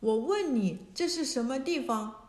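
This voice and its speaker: Brief: bossy bragging monkey king hero, a woman putting him on, high and pushy, echoey room. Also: lively intonation, normal speed. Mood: coaxing. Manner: bossy, shouting commands. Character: brash boastful male monkey king hero.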